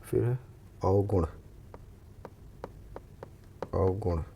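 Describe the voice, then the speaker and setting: A low, gravelly male voice, dark and mellow in tone, walks students through a spelling lesson. He breaks each word down step by step, repeats it slowly, and drops in as he goes. Faint background noise sits under the recording. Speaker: Hindi exam coach. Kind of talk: spelling lesson for exam aspirants.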